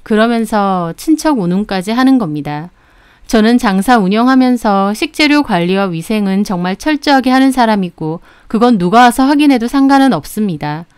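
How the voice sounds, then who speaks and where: Woman shop owner telling her story, calm and steady, smooth clear voice, dry close sound. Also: medium pitch, moderate pace, no echo. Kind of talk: scripted story narration.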